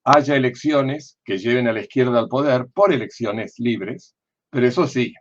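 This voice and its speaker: An older man with an Argentine accent, a former diplomat and political analyst, delivers political commentary in a deliberate, didactic way, often posing questions and answering them himself. His medium-pitched voice has lively intonation, and the audio is dull.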